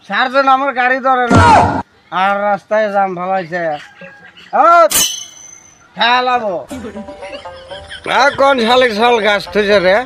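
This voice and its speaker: A man playing a belligerent drunk in an amateur comedy skit, ranting and throwing out challenges. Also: very high-pitched. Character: belligerent drunk man blocking a village road. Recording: noisy amateur recording with clicks.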